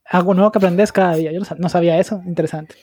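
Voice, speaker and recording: A man's voice: high-pitched, fairly even intonation, rapid-fire, a little mellow, slightly rough. A man hosting a casual chat, asking questions with lots of fillers.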